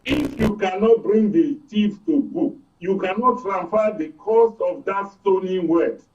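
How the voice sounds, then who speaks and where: A man with a Nigerian accent and a high voice explains emphatically as a panel guest and expert commentator, building his points step by step and asking check questions. The live discussion uses everyday analogies, and he speaks a little slowly. The audio is dull and roomy from a distant mic, with clear noise and clicks.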